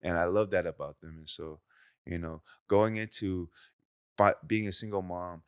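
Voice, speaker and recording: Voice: deep voice, normal speed, clear, resonant tone, dry recording, clean studio sound. A podcast host leading a casual interview, chatty and teasing with eager interjections.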